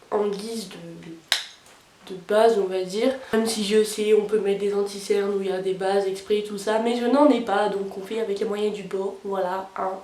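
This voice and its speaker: A woman's voice: mid-range voice, warm tone, a little hiss or hum. Young woman doing a chatty makeup tutorial, lots of ums, echoey room, camera kinda far. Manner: hesitant, many fillers and restarts. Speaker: beauty vlogger. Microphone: camera mic at a distance. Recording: roomy sound, camera set back.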